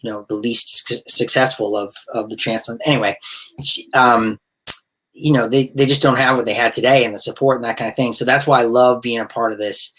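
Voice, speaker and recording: A man talking loosely over a video call at a middle pitch, often restarting his sentences. His manner is rambling and heartfelt, like an unscripted thank-you. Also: steady tone, brisk, a bit bright. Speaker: guest supporter. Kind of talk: casual video call chat.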